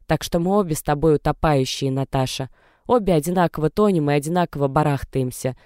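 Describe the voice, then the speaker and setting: Brief: narrator playing a desperate young mother-to-be, tearful and defiant, mellow, clean and close on mic. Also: medium pitch, fast talker, clean tone, dry recording, natural voice. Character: young distressed pregnant woman. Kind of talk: audiobook character reading.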